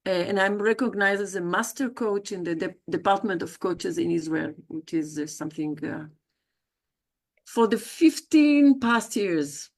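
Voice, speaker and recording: A woman from South America, working as a leadership coach, gives a livestreamed self-introduction as a guest speaker over video call, speaking chattily and personally while frequently hesitating and correcting herself. Her creaky, medium-pitched voice has lively intonation and a slightly slow pace.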